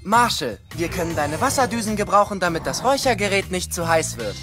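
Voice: mid-range voice, very animated, fairly quick, lightly acted. A performer playing a confident, kind boy who leads a rescue team, encouraging and instructing in a children's audio drama. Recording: music behind.

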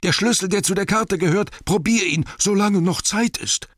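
A man voicing an excited, urgent male hobbit in an audiobook, calling out in a high, shouted voice. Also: moderate pace, no room sound, studio quality. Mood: urgent shouting. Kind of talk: audiobook character voice.

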